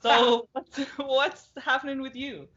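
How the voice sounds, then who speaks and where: A woman's voice: high voice, little pitch movement, measured pace, a bit bright, muffled recording. Friendly woman interviewer on video call. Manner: friendly, encouraging, brief responses. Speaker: interviewer, host. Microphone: video call from home.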